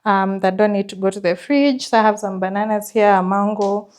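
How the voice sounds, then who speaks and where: A woman's voice: mid-range voice, fairly even intonation, fairly quick. A woman giving a casual, chatty house tour, enthusiastic about what she shows. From Kenya. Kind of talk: casual vlog chat.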